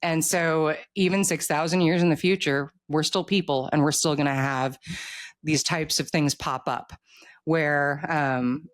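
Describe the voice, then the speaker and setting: This author talks unhurriedly at a medium pitch, his American accent clear on a dry recording. It's a casual interview where he animatedly explains his views and often checks in with whoever's listening.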